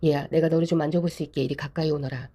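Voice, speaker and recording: A woman's voice: low-pitched, steady tone, very fast, warm tone. Woman reading as an old solemn patriarch. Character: aged blind father, solemn patriarch.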